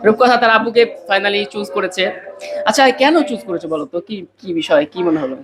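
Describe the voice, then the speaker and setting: A podcast host with a Bangladeshi accent casually interviews a child, repeating answers back and slipping in English phrases. His voice is high-pitched with lively intonation and a quick pace, against a noisy background.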